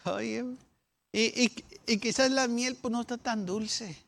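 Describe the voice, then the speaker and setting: A man's voice: very high voice, vocal fry, fairly bright tone. A man preaching a sermon as a pastor, arguing through questions and acting out the complaining people's voices. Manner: acts out the doubting people's voices with questions and rebuttals.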